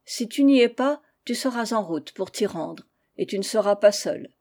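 A woman's voice: medium pitch, lively intonation, normal speed, darkish tone. A woman reading as a grave fortune-teller. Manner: grave, solemn.

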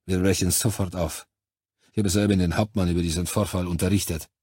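A man voicing a brusque male sergeant who gives curt orders to his squad, in a low, husky voice. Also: steady tone, brisk, a little mellow, no echo, studio quality.

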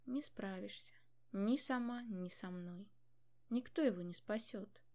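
A woman's voice: medium pitch, a little slow, lightly acted. A woman voicing a weary, grave old king. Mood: resigned. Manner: quiet, heavy, resigned.

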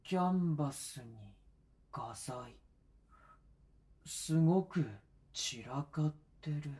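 A man playing a gentle, timid young vampire in an intimate audio drama, speaking softly and hesitantly with breathy murmurs. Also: on the high side, slow pace. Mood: hesitant, uneasy.

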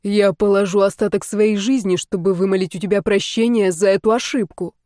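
A smug young emperor, read by a woman narrator in a storybook audiobook. He speaks in a calm, measured way, with a level mid-pitched voice. The recording is dry and close. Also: no room sound, lightly acted. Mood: cold assured.

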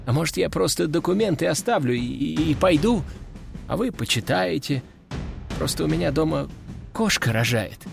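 A man's voice: a little high, expressive, normal speed, vocal fry, music in the background. A man doing a jittery, stammering adjutant. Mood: pleading. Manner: hesitant, stammering, pleading. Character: nervous, evasive young male adjutant.

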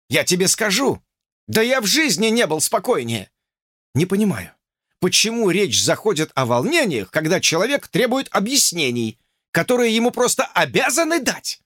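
Casting: a man doing an eager young suitor, insistent and stumbling, lively pitch, dry sound. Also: no echo. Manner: insistent, flustered, stammering. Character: agitated, lovesick young man George.

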